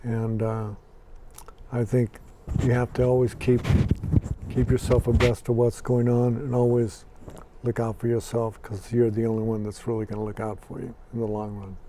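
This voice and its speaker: Born in Scotland and brought up in Ireland and Los Angeles, this sixty-something man speaks with an American accent while giving dry, plainspoken interview answers. His mid-range voice is completely flat at a normal speed, and background noise can be heard.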